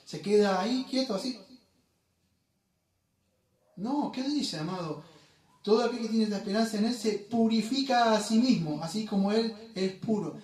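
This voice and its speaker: A man with a high, darkish voice preaches a sermon as a pastor in a church sanctuary, speaking at normal speed with long pauses. He's emphatic and asks many rhetorical questions. The recording picks him up from far away in an echoey church room.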